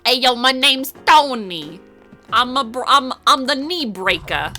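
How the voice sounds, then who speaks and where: A woman's voice: a little high, a little slow, pushed and bright, soft background music. A woman voicing a brash male mob enforcer who breaks kneecaps, talking with tough-guy mobster swagger. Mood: menacing swagger.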